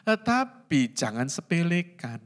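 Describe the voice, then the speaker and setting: A middle-aged man delivers a sermon. His voice sits high and swings widely, and he mixes in English phrases and chuckles at his own jokes. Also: sing-song, measured pace. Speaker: pastor.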